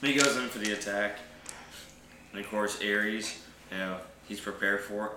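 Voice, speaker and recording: A man with a lowish voice narrates a tabletop game as game master, relaxed and quick to laugh. The recording is roomy and echoey, with a steady bed of noise behind him. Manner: easygoing, laughs often. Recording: echoey room with background noise.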